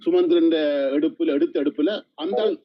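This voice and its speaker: A man's voice: fairly high pitch, fairly even intonation, normal speed, a little hiss or hum. A man speaking passionately as a guest on a live stream, often restarting words. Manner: impassioned, stumbling restarts. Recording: dull lo-fi live stream audio.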